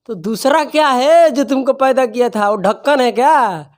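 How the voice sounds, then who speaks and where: A man's voice: very high voice, normal speed. Teasing male maths teacher. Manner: teasing, scolding, playful dialect asides. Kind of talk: classroom lecture with joking asides.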